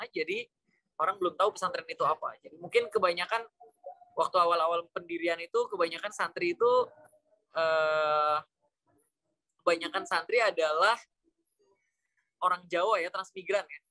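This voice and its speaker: An Islamic school educator from Cirebon, West Java, Indonesia, appears as an interview guest, informally sharing personal stories and slipping in English words. His voice sits on the high side, bright and forceful, with no echo, in conversational storytelling.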